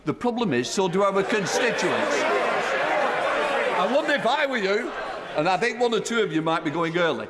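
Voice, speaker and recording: A man's voice: sits high, very animated, moderate pace. A man chairing parliament and calling the debate to order in a wry, scolding, authoritative way. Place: large indoor parliament chamber. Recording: reverberant hall, crowd noise. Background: rowdy crowd of politicians.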